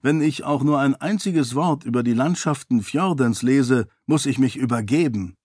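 A man voicing an eager, clever young prince who speaks with lively excitement. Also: medium pitch, normal speed, slightly rough, dry recording, clean studio sound, lightly acted. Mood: wry.

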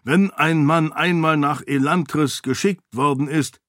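A man's voice: fairly high pitch, unhurried, fairly bright tone, dry recording, studio quality, pitched above the performer's own voice. A man voicing a greedy adult male city guard captain, raised and eager in his speech.

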